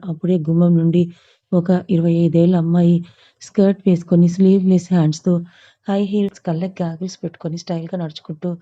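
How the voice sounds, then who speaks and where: A woman narrating an audio story in a steady, even reading manner. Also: lowish voice, no room sound, muffled recording.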